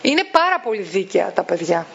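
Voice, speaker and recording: A woman giving advice to parents. She talks in a lively way and acts out the voices of parents and children. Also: mid-range voice, vocal fry, slight background noise. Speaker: parenting educator. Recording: dull, muffled sound.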